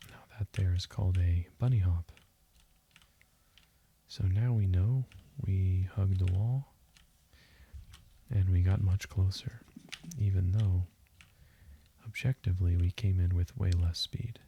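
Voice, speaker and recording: This gaming video host talks gently and deliberately, his low, creaky voice drifting toward a whisper as if lulling listeners to sleep. The audio has its highs cut off, a faint hiss, and background keyboard typing and mouse clicks.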